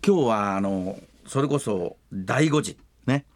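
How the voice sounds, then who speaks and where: An older man hosting a radio talk show, telling long rambling stories in rough, casual speech that livens up at the funny parts. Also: lowish voice, lively intonation, slow.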